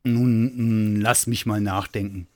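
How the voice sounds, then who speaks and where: A man voicing a wise, cozy old male polar bear who talks slowly and grumbles. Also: lowish voice. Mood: calm. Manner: slow, calm and grumbling.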